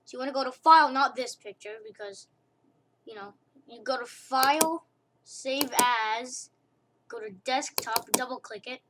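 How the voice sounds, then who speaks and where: A young woman casually talking through a screen-recorded drawing tutorial, rambling, correcting herself and giggling at her own asides. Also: sits high. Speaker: tutorial maker. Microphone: computer mic during screen recording. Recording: loud hiss with keyboard and mouse clicks.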